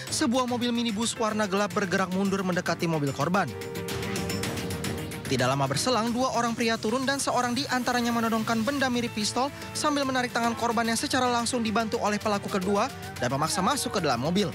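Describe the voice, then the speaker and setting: A male news reporter voices a crime package at a quick clip, with a notably high voice. A clear music bed plays underneath the narration. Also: expressive. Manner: brisk, formal narration. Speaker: field reporter. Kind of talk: scripted news voice-over.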